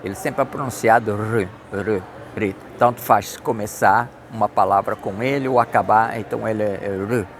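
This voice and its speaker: A middle-aged man with a Brazilian Portuguese accent gives a casual spoken lesson, repeating and spelling out words slowly. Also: on the low side, steady tone. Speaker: English tips vlogger. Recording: noisy outdoor street recording.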